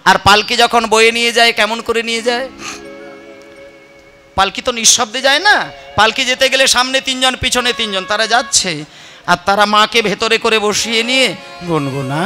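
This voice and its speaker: A man's voice: very high voice, fairly even intonation, brisk, sharp tone, soft background music. A man with a Bengali accent telling a devotional story in kirtan style, acting out the characters and breaking into chanted song. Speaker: kirtan singer. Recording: with musical accompaniment.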